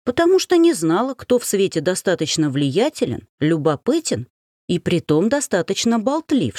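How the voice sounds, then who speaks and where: Expressive woman narrating, low and lively. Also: breathy edge, no echo, studio quality. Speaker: audiobook narrator. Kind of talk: scripted first-person narration.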